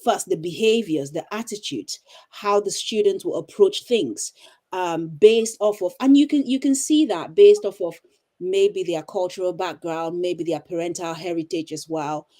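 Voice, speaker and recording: Casting: middle-aged woman from Cameroon, low warm voice, reflective teacher type, many ums. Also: moderate pace. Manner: thoughtful, with frequent ums and restarts. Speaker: teacher and coach. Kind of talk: casual interview answers. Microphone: video call.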